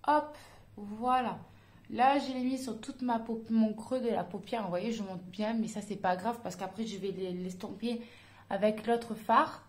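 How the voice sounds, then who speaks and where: A woman's voice: a little high, steady tone, a little slow. Chatty woman, echoey room. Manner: chatty, hesitant, many fillers, talks to viewers. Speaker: beauty vlogger. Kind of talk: casual makeup tutorial chat.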